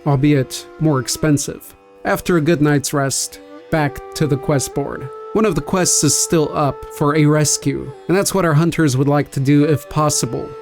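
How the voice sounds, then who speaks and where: A man with a fairly high voice recaps a board game session in an easy, casual way. Soft music plays faintly beneath him. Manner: relaxed recap of battles and gear. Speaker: game player and commentator. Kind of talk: casual gameplay commentary.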